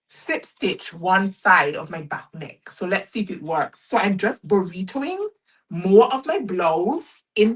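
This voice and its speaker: A woman in her thirties chatting to her viewers as she sews, expressive and talkative, slipping into exasperated quoted speech. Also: mid-range voice, recorded from a distance, low-quality recording. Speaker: sewing vlogger. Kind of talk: casual chat while sewing, reading viewer comments.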